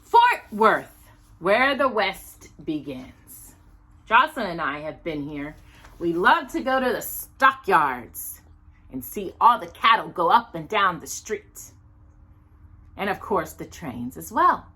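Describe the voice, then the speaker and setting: An American woman from Texas hosts storytime, reading a nonfiction children's book aloud and dropping in chatty, informal asides. Her voice sits fairly low and is very animated, with a slow pace, a pushed, bright quality, and a breathy edge. She stumbles over longer words.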